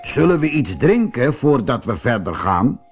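A man voicing a cunning, easygoing male shoemaker who talks calmly and slyly. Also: mid-range voice, unhurried, soft background music. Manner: calm, sly and friendly.

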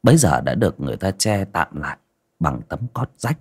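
A man narrating a village ghost story on a livestream, pausing and repeating words as he goes. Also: low voice, big pitch swings, slightly rough. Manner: hesitant, repeats words and restarts.

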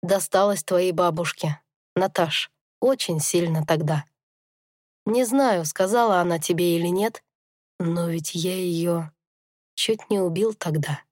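A woman's voice: fairly low pitch, measured pace, darkish tone, dry recording, voice pushed down, natural voice. Woman doing old male werewolf grandfather, grave, confessional, storybook fantasy, dry close sound.

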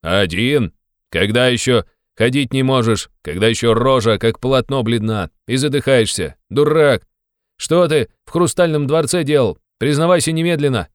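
A man voicing a hot-tempered, blustering young male friend who shouts and scolds. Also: medium pitch, normal speed, clear, resonant tone, dry recording, studio quality, voice pushed up, lightly acted. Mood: angry shouting.

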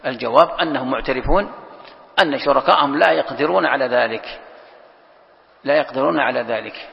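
With a mid-range voice, vocal fry, and a slightly fast pace, a sheikh lectures his class on Quran exegesis, patiently explaining, repeating important phrases, and quizzing the students. The lo-fi recording carries a long reverb from the hall.

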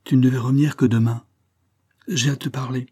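A man's voice: mid-range voice, steady tone, fairly quick, a little mellow, slightly rough, pitched above the performer's own voice, close to an everyday voice. A man reading aloud voices a young woman, a loving but defiant daughter, pleading emotionally in a raised voice. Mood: teasing.

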